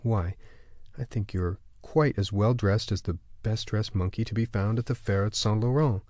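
A man's voice: on the low side, normal speed, no echo, studio quality, lightly acted. D'Artagnan, a man doing a sardonic musketeer. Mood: dry irony. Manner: quiet, sarcastic irony. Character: sardonic male musketeer, dry ironic wit.

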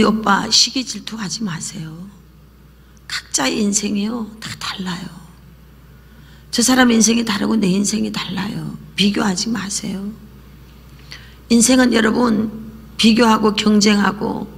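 Woman pastor, husky gravelly voice, lively sermon, whispers at times, echo of a church hall. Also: medium pitch, a little slow, long pauses. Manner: lively preaching, drops to whispers and calls for repetition. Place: church sanctuary.

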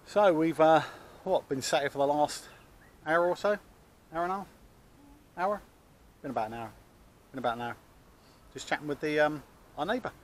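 A man's voice: a little high, normal speed, pauses often. Bloke in his 40s vlogging at his allotment, camera close up, chatty and jokey, bit of outdoor noise. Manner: chatty, self-mocking, laughs at himself. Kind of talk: casual vlog chat. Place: outdoor allotment garden, by a shed. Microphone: handheld camera close to face.

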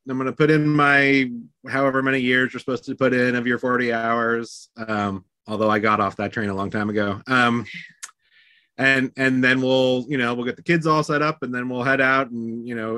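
A man's voice: mid-range voice, sharp tone, dry recording. A man in his forties, a guest on a home video call, talking in an easygoing, rambling way with restarts. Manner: rambling, self-correcting, easygoing. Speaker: interview guest. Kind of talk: casual video-call interview. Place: home room, indoors. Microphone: video call webcam.

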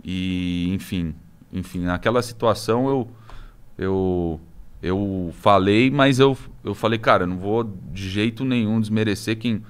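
A young Brazilian man with a Brazilian Portuguese accent, a podcast guest talking casually and haltingly with many restarts. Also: on the low side, smooth. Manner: hesitant, many restarts and fillers. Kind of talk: casual interview talk.

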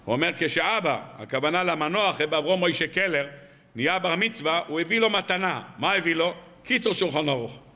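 Bright-voiced rabbi telling sermon stories. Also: male voice, fairly high pitch, expressive, long reverb tail. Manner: tells anecdotes and fires rhetorical questions. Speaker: rabbi giving a weekly sermon. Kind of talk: storytelling sermon on the weekly Torah portion. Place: evening lecture hall.

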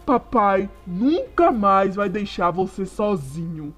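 A man voicing a protective father Tyrannosaurus, fierce and grieving, loud and impassioned. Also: sits high, big pitch swings, takes it slowly, faint music behind, heavily acted. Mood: wailing grief.

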